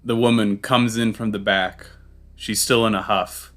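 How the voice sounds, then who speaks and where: A man co-hosting a podcast, narrating an improvised story slowly with dramatic pauses. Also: fairly low pitch, steady tone, fairly bright tone. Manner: slow, deliberate, dramatic pauses.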